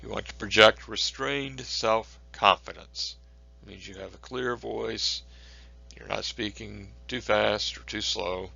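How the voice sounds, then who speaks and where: Male instructor, lower pitch, bright forceful tone, measured delivery with fillers. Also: gravelly, slightly rough. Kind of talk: recorded lecture. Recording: dull lo-fi recording.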